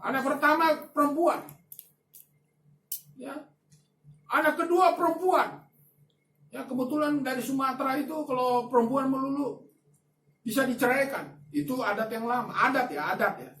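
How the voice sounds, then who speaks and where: A man preaching a sermon as a pastor, telling a story with lively swings between soft asides and loud emphatic bursts. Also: extremely high pitch, moderate pace, long pauses. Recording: echoey room, voice from a distance, faint ambience.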